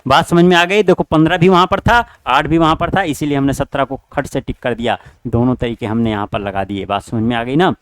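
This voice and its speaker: A man's voice: medium pitch, fairly quick, few pauses, a little hiss or hum. A man teaching an online exam-prep class, working through test questions and urging his students again and again. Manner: repetitive, urging students directly.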